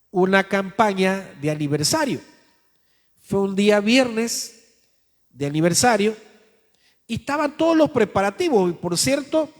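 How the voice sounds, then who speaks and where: A man's voice: high-pitched, long reverb tail. A male pastor preaching a sermon, telling a story in a conversational way and speaking straight to his listeners.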